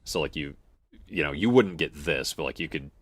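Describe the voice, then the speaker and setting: A man's voice: a bass voice, lively intonation, normal speed, no room sound. A man hosting a casual livestream chat about synths, talking in a rambling way full of "like". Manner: rambling, peppered with "like". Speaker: host. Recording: loud music playing under the voice. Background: synth music.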